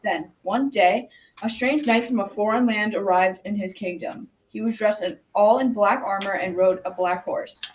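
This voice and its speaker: A young teenage girl plays a folksy old grandfather telling his grandchildren a tale in a scripted school radio drama. Her medium-pitched voice sounds natural at normal speed. The mic is distant, with clear background noise.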